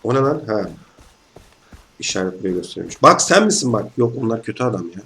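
Hoarse young man narrating gameplay. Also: fairly low pitch, fast talker. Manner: chatty, excitable, slangy, bursts into shouts. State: hoarse from illness. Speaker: gaming channel host. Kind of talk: casual let's-play commentary.

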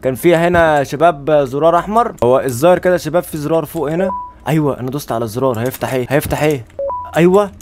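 A man's voice: on the high side, very fast, darkish tone, a little hiss or hum. A young man with an Egyptian Arabic accent doing joking, chatty let's play commentary, constantly talking to his viewers. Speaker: gaming YouTuber. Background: game music.

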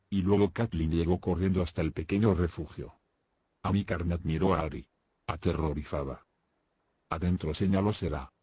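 A man narrating an audiobook in a steady storytelling delivery. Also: sits low, slightly rough, no room sound. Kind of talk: scripted narration. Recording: music playing behind the voice.

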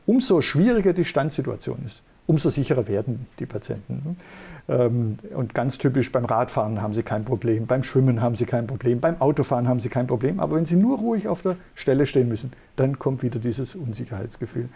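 Gravelly, husky German-speaking doctor. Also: male voice, medium pitch, animated, warm tone. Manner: measured, patient explaining. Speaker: neurologist guest. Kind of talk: explanatory interview.

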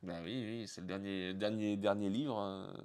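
A man's voice: lowish voice, fairly even intonation, moderate pace, darkish tone, clear, resonant tone. A man with a French accent, streaming and chatting casually with crude, teasing jokes.

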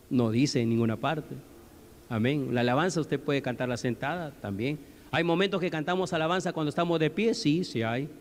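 A male pastor preaching in a conversational way, often asking the congregation questions. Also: a little high. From Peru. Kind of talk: sermon. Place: church hall. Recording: long hall reverb.

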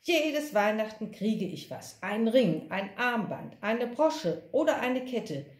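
A woman doing a shrill, greedy magpie. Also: slow pace, roomy sound. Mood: greedy delight. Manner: excited, listing her treasures.

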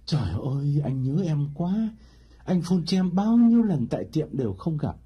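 A man voicing a smooth-talking male lover in an audiobook, eager and pleading. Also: mid-range voice, very animated, moderate pace, dull audio.

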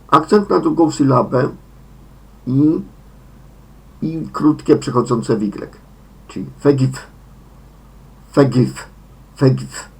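A man with a Polish accent talks through English pronunciation at a very slow, deliberate pace. His pitch moves a lot, rising sharply on each example word. He says every word three times in a row. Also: creaky. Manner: slow, deliberate, repeats words in sets of three. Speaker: English teacher.

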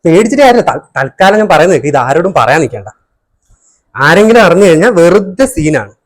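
A man filming a casual home prank for a family vlog, talking urgently and reassuring again and again, sometimes hushed. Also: on the high side, big pitch swings, quick pace. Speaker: family vlogger pulling a prank.

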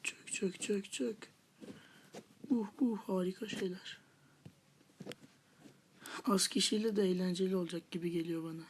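A woman's voice: mid-range voice, steady tone, measured pace, long pauses, a little hiss or hum. A woman hosting a gaming channel, giving live gameplay commentary with half-whispered muttered asides and playful taunts at opponents.

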